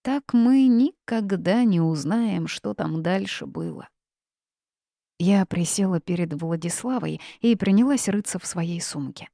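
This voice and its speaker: A woman narrating a fantasy audiobook in the first person, telling it calmly and steadily. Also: fairly low pitch, a little slow, creaky, no room sound, studio quality. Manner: calm even storytelling, first person.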